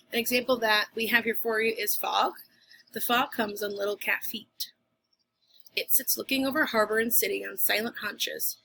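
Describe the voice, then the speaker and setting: A woman teacher talks her students through a recorded lesson. Her voice sits a bit high and sounds crisp and bright. She keeps it chatty, with casual asides and quick restarts.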